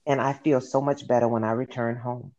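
A guest sharing personal habits in a measured, reflective way. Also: mid-range voice, steady tone, a little mellow. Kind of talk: casual interview chat. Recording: dull lo-fi line.

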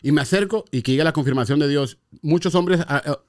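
A man's voice: on the high side, fast talker. A man telling a personal conversion story in casual chat, mixing with English slang. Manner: mixes Spanish and English slang, emotional storytelling.

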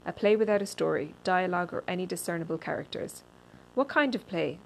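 A woman reads a personal essay aloud in a dry, deadpan manner, with a slightly low voice. She sometimes trips over a word and restarts it. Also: fairly quick, vocal fry, slight background noise, low-quality recording. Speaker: reader.

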